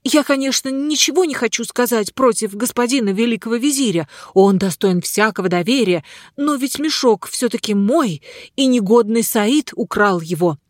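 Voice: mid-range voice, expressive, normal speed, no echo, studio quality, voice pushed up, close to an everyday voice. A reader voicing a frightened male merchant in an audiobook, pleading in a raised, anxious tone. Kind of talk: audiobook reading.

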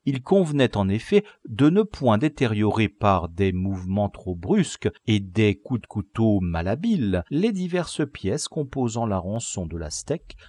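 Slow, expressive male audiobook narrator. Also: on the low side, no room sound. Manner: measured, expressive storytelling. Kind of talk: scripted narration.

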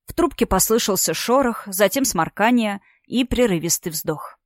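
A woman narrating a dramatic audiobook story in an even, expressive storytelling voice. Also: medium pitch, moderate pace, dry recording, studio quality.

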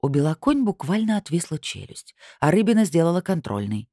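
A woman reads a novel in the first person, her voice low-set but moving freely. The reading is expressive, and the recording is dry and close. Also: brisk, no room sound. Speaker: audiobook narrator. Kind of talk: first-person audiobook narration.

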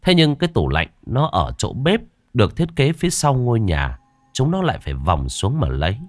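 A man narrating a horror story in a lively storytelling manner. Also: mid-range voice, moderate pace, dry recording.

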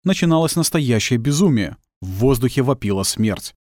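A man narrating an audiobook in a tense, expressive storytelling manner. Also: mid-range voice, moderate pace, no echo. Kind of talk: dramatic scripted narration. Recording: dry close studio sound.

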